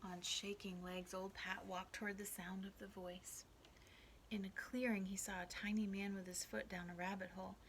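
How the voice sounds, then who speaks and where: A woman teacher reading a storybook aloud to young children, expressive and asking them questions. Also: mid-range voice, normal speed, noisy background. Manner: expressive, asks the listeners questions.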